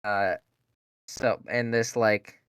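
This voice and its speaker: A man's voice: on the low side, steady tone, slow pace, a bit bright, clean tone, no echo. A young man hosting a podcast, telling a rambling, profane story in a casual chat and laughing along. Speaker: podcast host.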